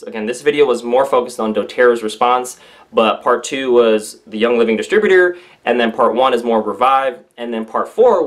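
Brief: young male vlogger, casual commentary, excitable, exclaims and trips over words. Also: medium pitch. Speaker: vlogger reading and commenting on a letter.

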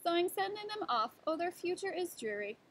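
A woman's voice: very high-pitched, sing-song, a little fast, fairly bright tone, a little hiss or hum, voice pushed up, exaggerated voice. A woman voicing a small, fussy male forest creature who scolds in singsong rhymes during a storybook read-aloud. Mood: scolding. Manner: scolding, singsong rhyming delivery.

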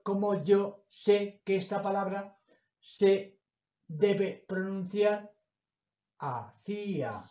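A man teaching a grammar lesson, explaining slowly and stretching out the example words. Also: high voice, darkish tone. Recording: echoey room.

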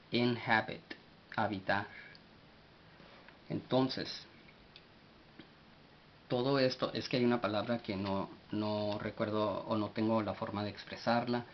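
Man, lowish voice, slow halting teacher who spells words aloud; dull lo-fi take with faint hiss. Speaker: language teacher. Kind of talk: slow spoken vocabulary lesson.

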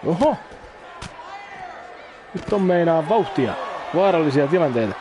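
Excitable man commentating a wrestling game. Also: a little high, crowd noise, noisy background. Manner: excitable, chatty, swears, exclaims over the game. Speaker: gaming YouTuber. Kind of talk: casual Let's Play commentary.

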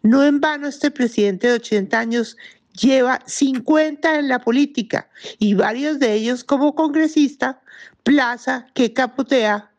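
A middle-aged woman giving spoken news commentary to camera in a studio, measured and conversational, with the odd filler. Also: high-pitched, muffled recording. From Colombia.

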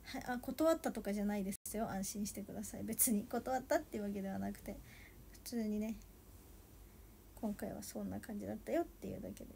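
Young woman rambling to her stream, soft mellow voice, kinda sleepy, faint background hum. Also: medium pitch, quick pace, vocal fry. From Japan. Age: 20s. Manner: soft, chatty, drifting into sleepy murmurs. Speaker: idol livestreamer. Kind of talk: casual solo livestream chat.

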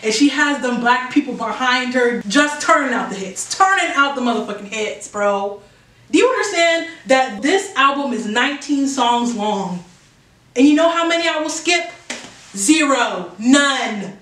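A woman hosting a music reaction video, talking casually and excitedly, swearing often, laughing and singing along. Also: sits high, measured pace. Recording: roomy echo, mic at a distance, music playing. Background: song playing.

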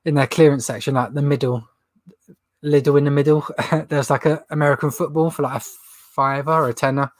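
This young adult man has a fairly high, steady voice and talks briskly, with no room sound. Sniffling from a runny nose, he hosts a casual livestream Q&A for his reselling business from a stock room lined with shelves, rambling chattily and laughing at his own jokes.

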